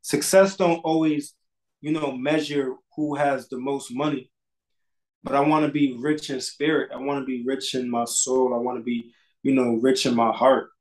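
A barber in his thirties, from Connecticut, talks on a video call from inside his small shop. He sounds loose and easygoing, drops casual swearing and repeats his words as he goes. His voice sits at an ordinary middle pitch. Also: steady tone, normal speed, poor audio. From Bridgeport, Connecticut. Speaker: barber, podcast guest. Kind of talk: casual interview chat.

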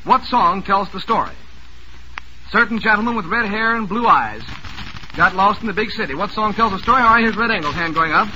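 Jovial and teasing, a man hosts a 1940s radio music quiz, reading out questions sent in by listeners. His voice is high-pitched, bright and forceful, animated and fairly quick. It comes through as a noisy old radio broadcast.

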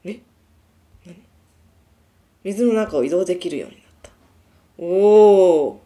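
A woman's voice: fairly low pitch, expressive, takes it slowly, mellow. A young woman with a Kansai accent doing casual horror game commentary, reading on-screen text aloud and talking to herself. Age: young adult. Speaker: gaming show host.

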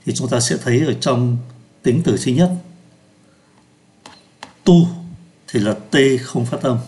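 A man teaching French pronunciation in Vietnamese, slowing down to sound out French words. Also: medium pitch, dark tone. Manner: slows down to pronounce French words. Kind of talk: lesson explaining pronunciation.

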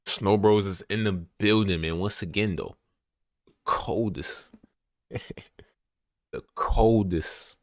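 A young man streaming a horror game, talking in a relaxed, slangy hype style and repeating his phrases. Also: fairly low pitch, slow, long pauses, no room sound, studio quality. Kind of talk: casual live gameplay commentary.

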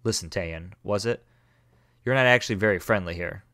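A man reading the lines of a brisk, impatient young woman gym leader in a game let's play. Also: on the low side, fairly bright tone, no room sound, studio quality, close to an everyday voice.

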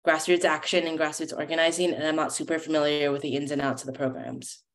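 A woman's voice: deep voice, little pitch movement, fast talker. A young woman grassroots organizer speaking on an online panel, talking in a hesitant, hedging way. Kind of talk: panel discussion. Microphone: video call.

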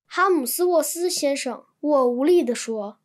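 A woman reading translated textbook sentences in an even, clear manner. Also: high-pitched, normal speed. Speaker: Chinese translation reader.

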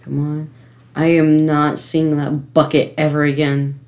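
Low, slow-talking frustrated woman gamer. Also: little pitch movement. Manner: frustrated, pleading with the game, sudden gasps and yells. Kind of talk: let's-play commentary. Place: home computer setup.

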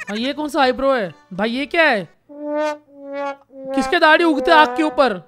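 A young man giving casual, joking gameplay commentary as a gaming YouTuber, excitable and repeating phrases in quick bursts. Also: very high-pitched, music in the background.

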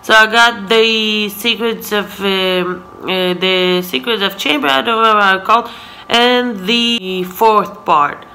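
Sitting indoors on the sofa with the camera close in front, this Israeli vlogger in her twenties speaks unhurriedly at a medium pitch, bright and forceful, though the recording is low quality. Hebrew is her first language, and her casual Q&A is peppered with laughter and "so yeah."

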